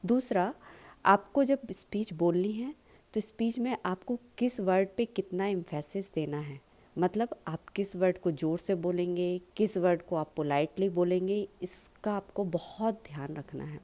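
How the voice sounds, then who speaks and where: Indian woman teaching, with a mellow voice. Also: lowish voice. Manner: explains in Hindi, slowly stresses sample English lines. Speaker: public speaking teacher. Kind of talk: spoken tutorial lesson.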